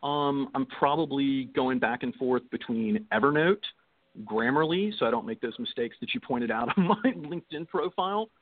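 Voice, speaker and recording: A man on a phone line, a recruiter chatting casually as a guest in a quick, breezy, joking way. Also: mid-range voice, lively intonation, dry recording. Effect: heard over a phone line. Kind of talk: casual call-in chat. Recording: tinny phone line, dry.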